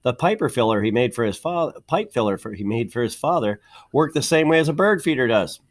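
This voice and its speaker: A man with a medium-pitched voice reads a children's picture book aloud. His storytelling is expressive and measured, and he leans on key words for emphasis.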